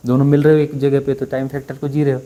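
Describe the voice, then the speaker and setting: A spiritual teacher giving a satsang discourse, talking conversationally and bluntly, often pausing to ask his listeners for agreement. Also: medium pitch, monotone, dark tone. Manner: conversational, keeps asking "है ना?" for assent; blunt and dismissive, mocking.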